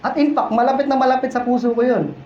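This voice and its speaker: A man's voice: very high voice, fast talker, darkish tone. Male pastor preaching in an echoey church. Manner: conversational, playful, questions the congregation. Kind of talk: sermon. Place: church hall. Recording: echoey church hall, dull sound, faint room noise.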